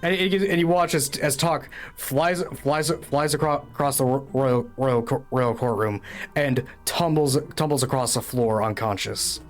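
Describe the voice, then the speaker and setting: A man's voice: medium pitch, normal speed, soft background music. A man narrating as game master of an online tabletop game, often stammering and restarting his sentences.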